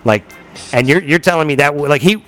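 A man's voice: a little high, a little fast, faint music behind. An American man hosting a podcast in casual, profane banter, animatedly spinning scenarios and acting out what people would say. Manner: animated storytelling, acting out imagined quotes. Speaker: podcast host.

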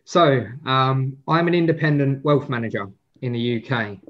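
Appearing as a podcast guest, a twenty-something wealth manager from Essex, England answers interview questions in a relaxed, informal way, often pausing and rewording himself. He has an Essex accent, a mid-range voice, and a moderate pace, and the recording has its highs cut off.

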